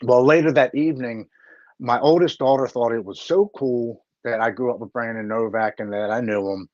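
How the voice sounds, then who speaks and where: A man's voice: medium pitch, steady tone, normal speed, a little mellow, dry recording. A middle-aged man telling his own story as an interview guest, blunt and plain-spoken, swearing casually. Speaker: interview guest, recovery advocate. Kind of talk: personal story in a live interview. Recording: dull lo-fi dry sound.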